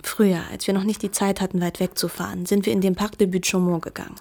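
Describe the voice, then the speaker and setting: In an intimate literary radio drama, an actress plays a candid young woman confiding secrets about her friend. Her mellow, creaky voice is medium in pitch, level in tone and quick in pace, with a confiding, candid mood.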